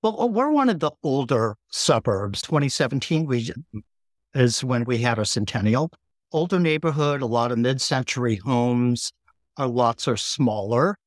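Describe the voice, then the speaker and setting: A middle-aged man from the Bay Area, a city councilmember speaking as a guest in an interview, explaining things in a steady, informative way. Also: medium pitch, moderate pace, no echo, studio quality. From San Francisco Bay Area, California. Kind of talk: interview conversation.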